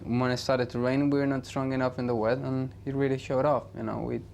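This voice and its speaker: Flat-voiced racing driver, casual interview. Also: male voice, mid-range voice, fairly quick, gravelly, a little hiss or hum. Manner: casual, lots of "you know". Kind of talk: interview answers.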